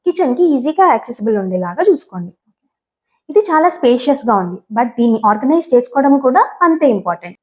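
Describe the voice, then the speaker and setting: Chatty woman vlogger, a bit high. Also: a little mellow. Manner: chatty, mixes in English terms. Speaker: home vlogger. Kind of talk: friendly channel intro.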